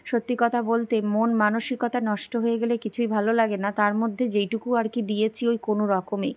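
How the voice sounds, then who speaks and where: A young woman, talking softly and slowly through a daily vlog while feeling unwell. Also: level tone. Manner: soft, slow and low-energy. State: unwell and tired. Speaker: vlogger. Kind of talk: daily life vlog voice-over.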